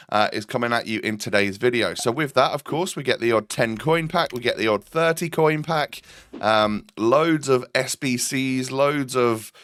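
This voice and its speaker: A man's voice: mid-range voice, a bit bright, dry recording. Guy with a blocked nose hosting his gaming channel, chatty, lots of ums, dry close sound. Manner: chatty, with frequent ums and repeated words. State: stuffy nose from a coming cold. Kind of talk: casual gameplay commentary.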